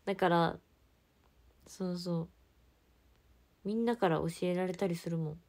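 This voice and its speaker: A young woman with a chats casually into a close phone mic, answering viewer comments. Her talk swings from quiet murmurs to bright, giggly exclamations. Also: on the low side, steady tone, unhurried. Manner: chatty and giggly, drifting between soft murmurs and brighter exclamations. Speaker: idol livestreamer. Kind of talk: casual livestream chat, reading viewer comments.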